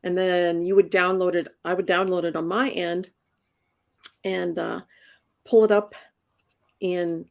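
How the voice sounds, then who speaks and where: A comics inker in her sixties chats casually in an interview, often restarting her sentences and repeating words when she does. Her voice is fairly low and gravelly.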